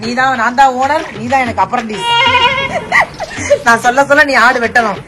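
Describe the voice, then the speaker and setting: Woman, vlogger, playful and teasing, family chat, slightly high voice, music underneath. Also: normal speed. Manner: playful, teasing, laughs often. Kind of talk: casual family vlog chat.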